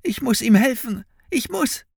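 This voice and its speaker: A frightened orphan boy from a storybook, as a male reader puts him on, his voice lifted high and pleading, leaping about in pitch. The sound is dry and close, with no room around it. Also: very animated, normal speed, fairly bright tone, husky, no echo, full character voice. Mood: desperate.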